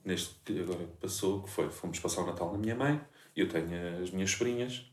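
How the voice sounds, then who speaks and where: A man's voice: sits low, a little fast, roomy sound. A man in his thirties with a European Portuguese accent, casually chatting and telling stories with lots of swearing and laughter. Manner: animated storyteller, swears freely, laughs often. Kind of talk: casual chat.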